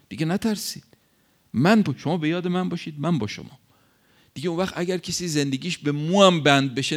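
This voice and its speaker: A man preaching a sermon, retelling a story and speaking in an animated way, his pitch swinging widely between low and high. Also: gravelly.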